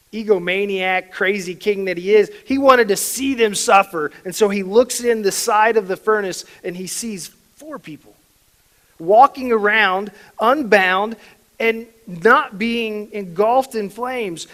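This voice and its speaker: Male pastor with a high-pitched voice, preaching with emphatic swings in volume. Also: measured pace, rough recording. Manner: emphatic, swinging between soft and loud. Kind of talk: sermon.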